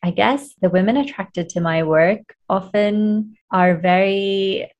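A woman guest in an interview, a coach explaining her work in a thoughtful, measured way. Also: medium pitch, darkish tone, dull audio. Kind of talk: conversational interview.

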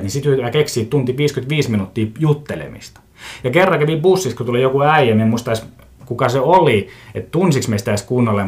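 A man talks alone into the mic as a podcast host, airing one gripe after another. He rambles and grumbles, pokes fun at himself, trips over his own sentences and breaks into quick chuckles, and his voice sits at an ordinary middle pitch. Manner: rambling, grumbling, self-mocking, with frequent restarts and chuckles; mimics other people's voices for comic effect. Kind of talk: casual solo podcast monologue.

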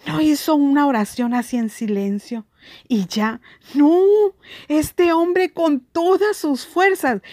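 A woman's voice: sits high, a little mellow, no room sound, clean studio sound. A woman giving an earnest devotional sermon, reading scripture with emphasis. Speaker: preacher.

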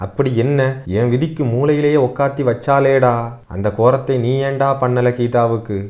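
A man's voice: medium pitch, fairly even intonation, moderate pace, darkish tone, pitched above the performer's own voice, close to an everyday voice. A man voicing a grieving elderly grandmother, fierce yet tender, in a raised, pleading and scolding voice for a dramatic story reading. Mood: tearful pleading.

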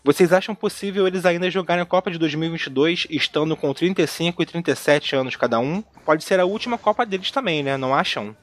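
A man's voice: on the high side, quick pace, hardly any pauses. A man with a Brazilian Portuguese accent hosting a casual football podcast, talking in a joking, colloquial way full of tag questions. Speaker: podcast host.

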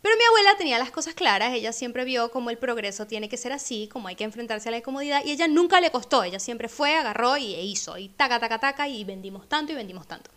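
A woman with a fairly high voice tells a personal story on her podcast in a reflective, conversational tone. She slips into the voices of the people in her memories, acting out what they said. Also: lively intonation, quick pace, few pauses, a bit bright. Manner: conversational, acts out remembered speech. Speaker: podcast host.

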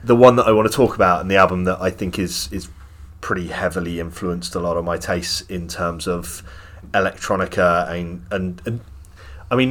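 Deep-voiced guy on a podcast, chatty and opinionated about albums. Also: fairly bright tone. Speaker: podcast co-host. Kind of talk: casual music chat.

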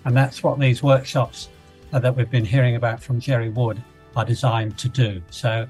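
A man's voice: mid-range voice, little pitch movement, moderate pace, darkish tone, soft background music. An Australian man hosting a community radio programme in a chatty way, addressing listeners directly and interviewing guests.

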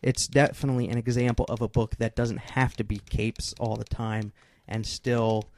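A man's voice: medium pitch, little pitch movement, moderate pace, a little mellow, slight background noise. A man co-hosting a casual podcast, hesitantly thinking aloud and restarting his sentences. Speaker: podcast co-host. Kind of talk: casual chat.

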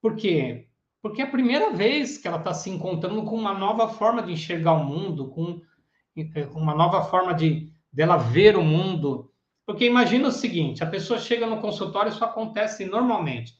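A man, a psychoanalysis teacher giving a casual teaching talk, animated and acting out the voices of clients and therapists. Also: high voice, normal speed. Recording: echoey room, dull lo-fi sound.

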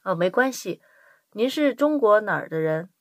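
A woman acts as a courteous young female intern in a language-lesson dialogue. Her pitch sits in the middle for a woman. The sound is dry and close, with a polite, scripted delivery. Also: animated, moderate pace, a little mellow, no room sound, close to an everyday voice. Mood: polite, welcoming. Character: polite young Chinese American woman intern greeting a visitor.

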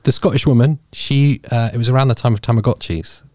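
This podcast co-host, a man with a mid-range, darkish voice, talks fast into a studio mic in casual chat. He jokes, laughs often, and keeps restarting his sentences, with no room sound in the recording.

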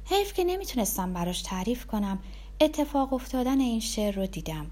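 Female storybook narrator; expressive first-person telling, animated pitch. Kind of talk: storybook reading.

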